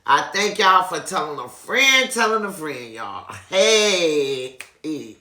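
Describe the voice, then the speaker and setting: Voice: medium pitch, sing-song, a little slow, sharp tone. A person chatting casually and effusively to viewers as a video host, often repeating phrases. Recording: echoey room.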